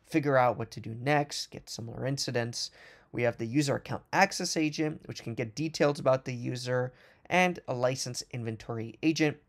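With a gravelly, medium-pitched voice, a man voices over a screen recording for a product demo. He speaks fast and fluently in a corporate way, now and then restarting.

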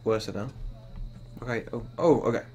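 A man's voice: mid-range voice, fairly quick, darkish tone, soft background music. A man giving casual let's play commentary, chatty and jokey, teasing the game's characters. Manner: jokey, chatty, mocking the game. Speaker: gaming YouTuber.

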